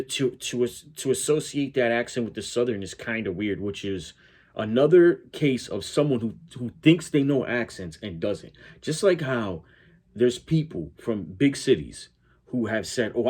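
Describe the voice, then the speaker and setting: Here a Connecticut-born YouTube reaction host talks in a mid-range, expressive voice that's darkish and slightly rough, at normal speed. His accent, from southwestern Connecticut, nears a New York sound, and he rambles through casual opinions, stammering while correcting himself.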